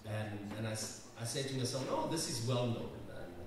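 A middle-aged South African man leads a church service, welcoming people and running through notices with plenty of hesitations and restarts. His voice sits at an ordinary middle pitch. It is picked up from a distance in a big, booming church hall with audible background noise. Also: expressive, normal speed. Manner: hesitant, many ums and restarts. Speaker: pastor. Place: large wood-panelled church. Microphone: stand mic at lectern.

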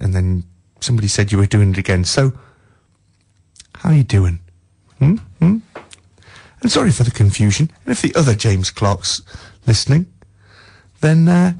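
A man's voice: on the low side, creaky, darkish tone, breathy edge. A man hosting a live radio show, chatting casually and jokily while reading out listener texts in a studio.

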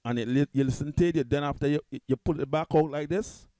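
Sitting at his computer, a Trinidadian man from Trinidad and Tobago runs through a casual music software tutorial as a screen recording. His fairly high voice comes quickly over a dry recording, and his talk is loose and repetitive with lots of restarts.

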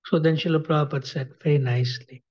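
A man's voice: on the high side, fairly even intonation, quick pace. A man, a swami, giving a devotional lecture, repeating key phrases and checking with his audience. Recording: dull lo-fi recording.

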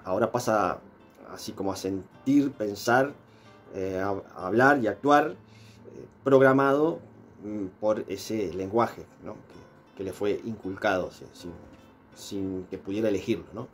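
A man giving an explanatory monologue, pausing often with filler sounds and tag questions. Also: fairly low pitch, faint music behind. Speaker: presenter explaining philosophy.

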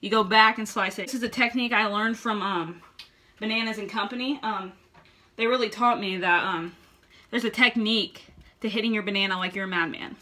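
In her home kitchen, a young adult woman vlogger stages a comedic mock cooking tutorial for a camera set in front of her at table height, swearing nonstop in a brash, joking style. Her mid-range voice moves fairly quickly, and loud music plays in the background.

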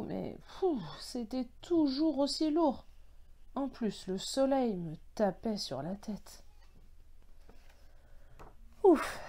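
A woman reading a children's picture-book story aloud in the first person, telling it lively and animatedly. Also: medium pitch.

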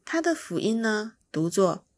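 Slow, husky-voiced woman teaching pronunciation. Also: medium pitch, sing-song, dry recording. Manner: patient, demonstrates sounds by repeating them. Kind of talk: slow instructional explanation.

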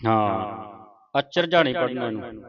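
A man teaching scripture recitation line by line, chanting verses in a drawn-out, measured way and stopping to correct pronunciation. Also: fairly low pitch, dull audio, a crowd in the background.

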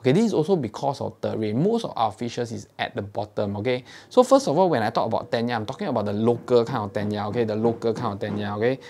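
A man's voice: mid-range voice, expressive, fast talker, hardly any pauses, a little mellow. A man in his thirties with a Singaporean English accent, host of a fishing tackle shop channel, explaining gear step by step in a casual tutorial to camera, showing it with his hands and checking in with "okay?", recorded on a lapel mic in a small indoor studio. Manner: demonstrates gear with his hands while talking.

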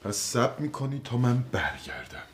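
An actor playing a flustered sitcom doctor. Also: male voice, medium pitch, big pitch swings, lightly acted. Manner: defensive, pleading, lectures when cornered. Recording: roomy set with faint noise.

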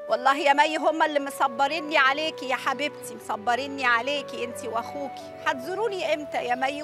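Brief: actress as a soothing Egyptian mom, high voice, brisk delivery. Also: female voice, lightly acted. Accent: Egyptian Arabic. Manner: affectionate, calls everyone darling. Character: tender, reasoning middle-aged mother, soothing. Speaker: mother and neighbor. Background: music.

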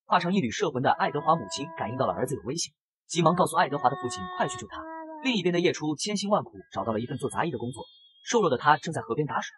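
A man narrating a comic story recap in brisk, scripted storytelling on a close mic. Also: on the high side, very animated, noisy background.

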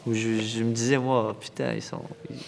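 Young man, halting excited talk, gym reverb. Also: medium pitch, gravelly, a little hiss or hum. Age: young adult. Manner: halting, repeats words, excitable. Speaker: boxer and club coach. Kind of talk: casual interview. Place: boxing gym indoors.

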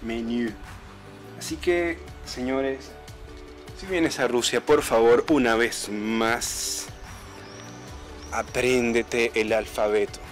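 A man's voice: mid-range voice, fairly even intonation, slow, long pauses, faint music behind. A man vlogging as he walks through empty city streets at dawn, spelling out signs letter by letter in a casual way and repeating himself often. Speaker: travel vlogger. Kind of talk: walking vlog, reading street signs.

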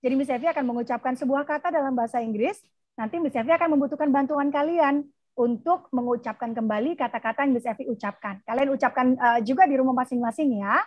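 A woman teacher with an Indonesian accent gives a lesson over the radio, speaking slowly and carefully so children can repeat after her. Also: high-pitched, no echo. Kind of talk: bilingual reading lesson on radio. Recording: dull, lo-fi radio broadcast.

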